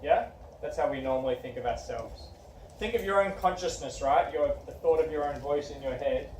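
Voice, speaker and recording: A young male teacher with a darkish, somewhat high voice leads a classroom discussion at a fairly quick pace, posing questions and encouraging his students. The recording is distant and echoey, with faint background noise.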